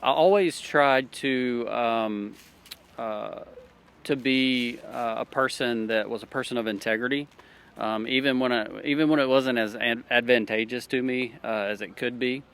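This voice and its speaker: A man's voice: mid-range voice, fairly even intonation, measured pace, a bit bright, clear, resonant tone. A man with an Alabama Southern accent, talking earnestly in a casual street interview, with many fillers and restarts. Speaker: interviewee, church worker.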